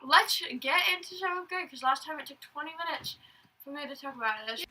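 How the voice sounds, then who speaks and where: A woman's voice: high-pitched, fairly quick, distant mic, rough recording. A young woman telling stories casually and chattily as host, saying w in place of r. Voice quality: cannot pronounce r, says w for r. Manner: excitable, chatty, exclaiming. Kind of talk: casual storytelling to camera.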